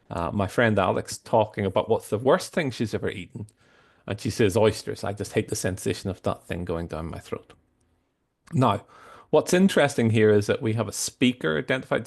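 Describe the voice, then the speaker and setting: A man talks through a software demo in a low, gravelly voice. He explains patiently and often stops mid-sentence to start over. His tone is a tutorial presenter's. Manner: halting, explanatory, frequent restarts. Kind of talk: screen-share tutorial explanation.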